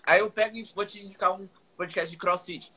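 A man from Brazil chatting casually as a podcast host, relaxed and full of filler words. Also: sits high, a little fast, slightly rough. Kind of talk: casual chat.

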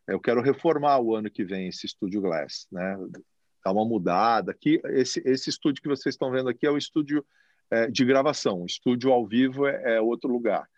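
Expressive man in a dry studio. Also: medium pitch, brisk, dry recording, dull audio. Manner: expressive, speaks with his hands. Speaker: TV station manager. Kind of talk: reflective interview answers. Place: TV recording studio.

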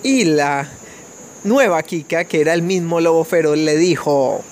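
A man's voice: on the high side, a little hiss or hum. Man telling a fairy tale to children. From Colombia. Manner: gentle, measured storytelling with small restarts. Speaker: family storyteller.

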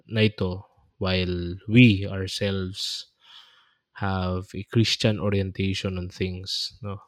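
A man's voice: on the low side, dry recording, studio quality. A man with a Filipino accent hosting a reflective podcast, talking in an earnest, preachy way and pressing his points home. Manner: earnest, preachy exhortation, growing louder and insistent. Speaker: podcast host. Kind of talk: reflective podcast talk, mixing Tagalog and English.

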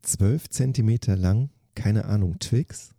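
A man's voice: sits low, expressive, a little slow, warm tone, dry recording, clean studio sound. A man, a dance teacher from Germany, giving short, matter-of-fact answers in an interview. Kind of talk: quick-fire interview answers.

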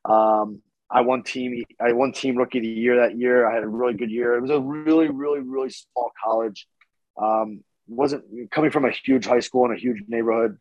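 A man's voice: medium pitch, dry recording. An easygoing young man tells his story in a loose, rambling way, full of fillers. The sound is dry and a little dull. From Northeast Philadelphia, born in Paris. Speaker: podcast guest. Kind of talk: casual interview chat.

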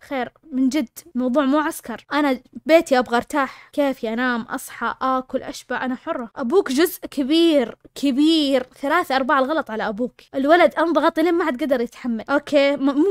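A Saudi woman races through a storyteller's narration at breakneck speed in a high, bright-sitting voice. She is a channel host, blunt and opinionated, and the close, dry sound keeps every word right at the ear. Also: no room sound. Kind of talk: rapid conversational storytelling and opinion.

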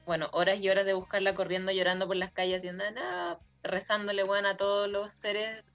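A woman with a Chilean accent, chatting casually and telling animated, slang-heavy stories. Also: medium pitch, fast. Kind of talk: casual chat. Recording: dull lo-fi audio with faint music.

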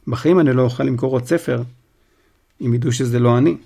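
A man's voice: mid-range voice, gravelly, warm tone, husky. A man voicing a vain fraudulent male wizard teacher, smug and self-justifying, in a storybook reading. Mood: apologetic.

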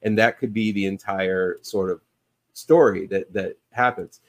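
A man with a fairly low voice talks casually on a podcast. He rambles and circles back on himself, filling the pauses with ums and likes. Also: steady tone. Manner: rambling, many fillers and restarts. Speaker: podcast co-host. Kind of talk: casual chat about comic book movies.

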